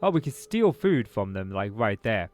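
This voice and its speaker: This British YouTuber's casual let's-play finds him pondering moves in a strategy game, his voice slightly off after a throat infection. He speaks on the low side at a moderate pace, with big pitch swings and a somewhat mellow quality.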